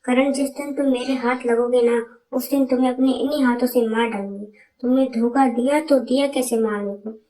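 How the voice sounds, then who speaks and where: A woman voicing a bitter, sharp-tongued young businesswoman in a spoken story, with cutting, scornful lines. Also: fairly high pitch, steady tone, moderate pace, lightly acted. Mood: furious. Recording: roomy, from a distance.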